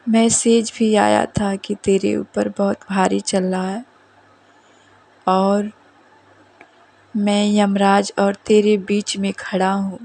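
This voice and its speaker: A woman telling listeners about a devotional dream, slow and even, addressing them again and again. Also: mid-range voice, vocal fry. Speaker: devotee sharing a dream testimony.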